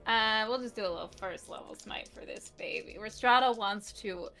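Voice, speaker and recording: A woman's voice: medium pitch, normal speed, sharp tone. A woman playing a tabletop game, bubbly and giggly as she describes her character's moves. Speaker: player.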